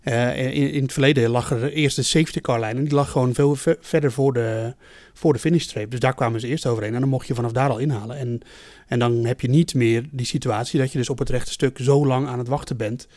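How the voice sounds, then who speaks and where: A man's voice: mid-range voice, fairly even intonation, fast, few pauses, darkish tone, no echo. Rambling Dutch-speaking male co-host, dry sound. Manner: explains at length with many fillers and restarts. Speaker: podcast co-host. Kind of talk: casual analytical chat.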